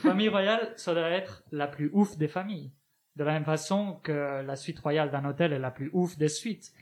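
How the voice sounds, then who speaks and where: A man's voice: fairly high pitch, fairly even intonation, moderate pace, darkish tone. A man delivering a humorous scripted chronicle as a regular columnist, ironic and full of asides, with co-hosts laughing around him. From Spain. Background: other panelists laughing.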